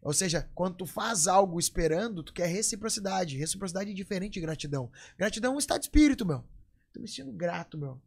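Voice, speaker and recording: A man's voice: high voice, lively intonation, fast talker, creaky, slightly rough. A man in his forties with a Gaúcho accent from southern Brazil, a jiu-jitsu coach talking emphatically and a bit preachily as a podcast guest. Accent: Gaúcho, Rio Grande do Sul. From Porto Alegre, southern Brazil. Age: 40s. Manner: emphatic, preachy, acts out quoted voices. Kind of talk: casual podcast chat.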